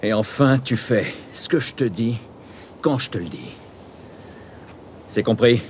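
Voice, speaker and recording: A man's voice: medium pitch, animated, measured pace, a little mellow, a little hiss or hum, natural voice. An actor playing a hardened middle-aged male smuggler in a game dub, curt and commanding as he lays down rules. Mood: stern. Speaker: game character, French dub.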